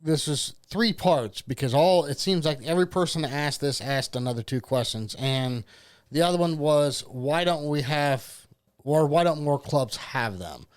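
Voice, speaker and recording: Joking, rambling podcast host, Ohio accent. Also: male voice, fairly high pitch, moderate pace, clear, resonant tone. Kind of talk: casual chat.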